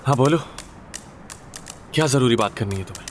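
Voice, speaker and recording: A man's voice: mid-range voice, fairly quick, a little hiss or hum, natural voice. A man playing Sinan, a teasing young doctor. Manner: casual, teasing. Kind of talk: dubbed TV drama acting.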